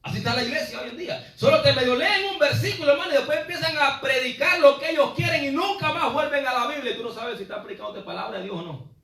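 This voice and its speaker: A man preaching in a church, his high voice ringing through a roomy, echoing sanctuary. He drifts away from the microphone at times, rising to loud cries and then dropping to low asides. The congregation is called brother again and again. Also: quick pace, creaky, recorded from a distance. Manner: preaching with swings between loud exclamations and low asides, often saying "hermano". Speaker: pastor. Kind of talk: sermon. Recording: echoey church hall, preacher off the mic.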